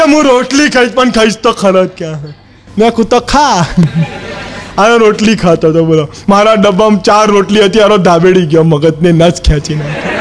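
A man performs a stand-up routine in the guise of a cheeky schoolboy, his voice sitting unusually high for a man. He tells the story with sly mischief, slipping into the voices of the people he quotes. A faint hum of background noise runs under the recording. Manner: cheeky storytelling, acting out the other people's lines. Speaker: stand-up comedian. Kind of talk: comic monologue in character as a schoolboy.

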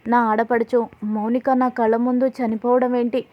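A woman's voice: a little high, flat delivery, normal speed, lightly acted. A woman voicing a kind young daughter-in-law who speaks with worried respect, in slightly dull audio.

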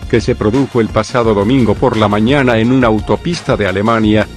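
A man's voice: lowish voice, a little fast, soft background music. A man giving a scripted news narration, reading the text evenly and word for word. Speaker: news reader.

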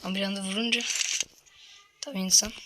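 A woman's voice: mid-range voice, steady tone, quick pace, very noisy. A woman giving casual commentary while playing a mobile shooter, grumbling and swearing in frustration. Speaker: gamer streaming a mobile battle royale.

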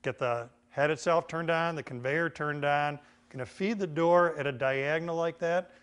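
In an indoor woodworking shop, a middle-aged American man teaches woodworking through an informal, folksy, hands-on demonstration. His voice is fairly high, smooth, and a bit bright, at a moderate pace.

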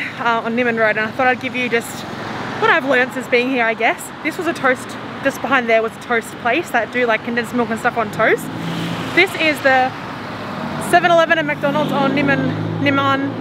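Walking outdoors through crowded city streets, a young woman vlogs to a handheld camera at arm's length in a high voice at normal speed. Her chat rambles and she laughs a lot, with traffic and city noise behind her.

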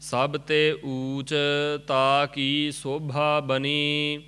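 A man reciting scripture in a slow, measured chant as a student in a lesson. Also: a little high, monotone, bright, forceful tone, clean tone.

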